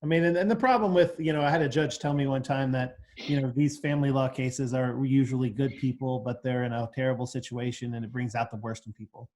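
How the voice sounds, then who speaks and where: A man's voice: mid-range voice, fast. A man co-hosting a casual law podcast, telling courtroom stories and acting out his cross-examination. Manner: animated, acts out courtroom questioning. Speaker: family law attorney, podcast co-host. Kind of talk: casual storytelling chat.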